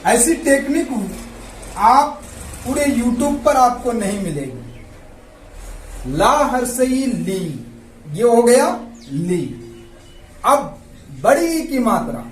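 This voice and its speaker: A man's voice: very high-pitched, reverberant, slight background noise. A man teaching a lesson, patiently repeating and spelling out sounds. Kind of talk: slow explanatory lesson.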